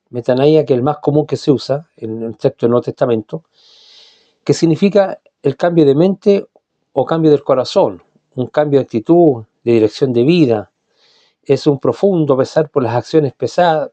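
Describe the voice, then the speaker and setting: A man's voice: a little high, dark tone, dry recording, highs cut off. A man giving a teaching sermon, explaining patiently and often checking in with his listeners. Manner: explanatory, repeats words and checks with "¿ya?". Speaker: Bible teacher.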